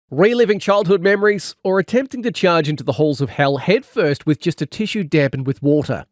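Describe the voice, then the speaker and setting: A male audiobook narrator reads a comic first-person story as a wry storyteller prone to exaggeration. His voice is fairly high, captured in clean studio sound with no room sound.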